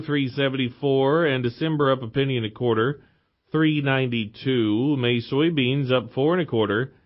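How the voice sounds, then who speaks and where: A man with a mid-pitched voice reads stock and commodity prices as a radio host. He recites the figures in clipped, steady rhythm. The audio is a dull, band-limited broadcast. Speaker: farm radio host and interviewer. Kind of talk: reading stock and commodity prices in a market report.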